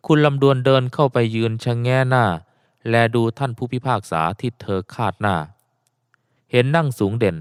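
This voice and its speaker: Smooth-voiced man reading an audiobook. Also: medium pitch, moderate pace, no echo, studio quality. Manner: steady, storytelling cadence. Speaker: audiobook narrator. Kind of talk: scripted audiobook narration.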